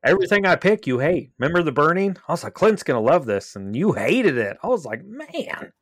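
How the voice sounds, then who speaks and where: A man's voice: fairly high pitch, sing-song, quick pace, no room sound, clean studio sound. Teasing man steering a podcast chat. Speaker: podcast co-host. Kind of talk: casual chat.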